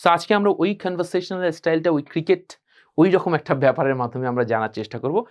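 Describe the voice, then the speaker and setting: A man teaching a spoken English class, animated and drilling phrases by repeating them. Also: on the high side, quick pace, lo-fi sound. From Bangladesh.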